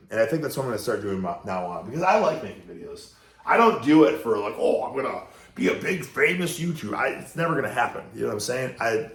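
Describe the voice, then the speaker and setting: A man who is losing his voice, chatting to camera in a loose, blunt way with mild swearing, from a room at home. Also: mid-range voice. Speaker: fitness YouTuber reacting to a video. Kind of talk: casual rambling chat to camera. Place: indoor room at home with a TV behind him. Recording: roomy echo.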